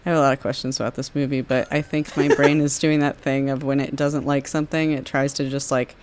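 A speaker on a movie podcast thinking out loud at length, posing questions and working through confusion. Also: mid-range voice, level tone, quick pace, background noise. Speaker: podcast co-host or guest. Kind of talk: casual movie-discussion podcast chat.

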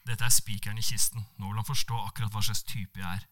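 A man's voice: fairly low pitch, steady tone, a bit bright. Man reading a comic story. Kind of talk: reading a comedic story aloud.

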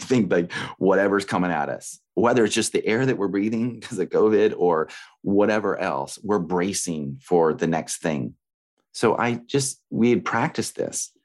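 A man with a low-pitched voice talks as a guest teacher of breathing and meditation. He explains things in an instructive, conversational way, leaning on everyday examples to make his points. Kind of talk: explanatory interview talk.

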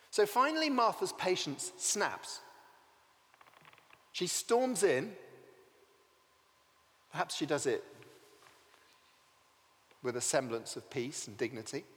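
A man's voice: high voice, fairly bright tone, in a large hall. A man preaching a sermon, telling the story vividly and asking rhetorical questions.

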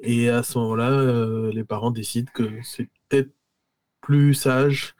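A man's voice: mid-range voice, steady tone, unhurried, darkish tone, no echo. A man from Côte d'Ivoire, a podcast guest, explaining in an easygoing way with many fillers. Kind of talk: casual interview.

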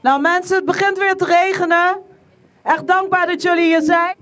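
Rally organizer at an outdoor protest, announces speakers, very high voice. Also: steady tone, normal speed, a bit bright.

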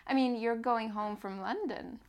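A woman's voice: a little high, moderate pace. A woman hosting a podcast interview, asking easy questions and encouraging her guest with short replies. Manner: encouraging, lots of short back-channel replies. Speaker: podcast host. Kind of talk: casual interview.

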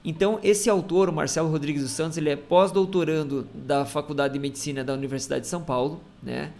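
A man's voice: fairly high pitch, fairly even intonation, fast, gravelly, darkish tone. A man reads a news article about a health study aloud, adding casual asides and restarts as he explains it.

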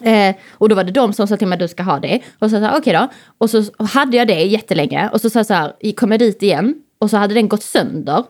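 A woman's voice: medium pitch, hardly any pauses. Woman telling stories in casual chat. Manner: animated storytelling, swears freely. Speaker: podcast co-host.

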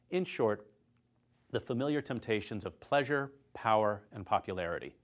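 A man speaking as a priest, giving a short, scripted Lenten-style reflection in a measured, earnest way with deliberate emphasis. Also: medium pitch.

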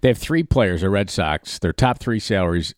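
A man's voice: low-pitched, animated, normal speed, no echo, clean studio sound. A man hosting a sports podcast, telling stories in a chatty way and laughing easily. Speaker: podcast host. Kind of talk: casual sports podcast chat.

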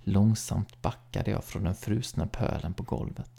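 A man reads a horror short story in a low, gravelly voice. His tone is dark and husky, and he keeps a calm, measured pace that sinks to a hush now and then.

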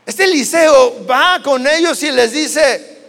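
A Mexican man preaching with a very high voice, his words trailing off into the long reverb of a church hall. He tells the story dramatically and acts out the voices of its people. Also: animated, takes it slowly, fairly bright tone. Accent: Mexican Spanish. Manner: dramatic storytelling, acting out biblical dialogue. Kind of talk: sermon.

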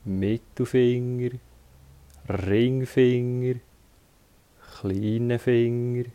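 A man with a mid-range voice and a Swiss German accent guides a relaxation session as a yoga teacher. He calmly offers brief instructions separated by long pauses.

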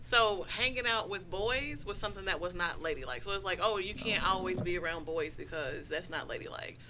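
A woman's voice: lowish voice, brisk, noisy background. A woman guest, a therapist, teasing and chatting casually on a podcast. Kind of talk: casual chat.

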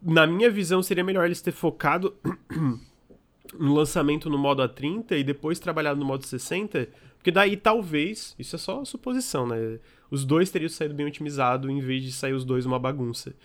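Fast-talking podcast host. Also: male voice, fairly high pitch. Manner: quick, opinionated, hedging. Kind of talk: casual chat.

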